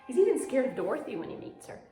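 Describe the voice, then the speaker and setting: On video, a woman teaches a pantomime and ballet lesson, demonstrating the moves as she talks with dramatic emphasis. Her voice is on the high side and mellow, and she speaks fast and with great animation. The recording comes from an echoey room with music playing.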